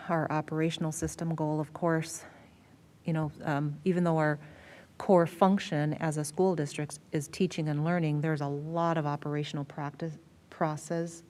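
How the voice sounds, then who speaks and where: In a school board meeting room, an American woman who serves as school district superintendent gives a presentation, explaining points and repeating words for emphasis. Her voice is low and a little mellow.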